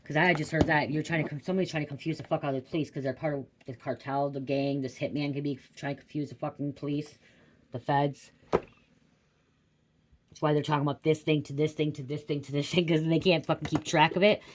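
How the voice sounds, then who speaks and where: Over background noise, a middle-aged psychic tarot reader with a low-sitting voice speaks at a quick pace in a steady tone. Her casual livestream reading meanders off track, full of swearing and repeated "okay?"s.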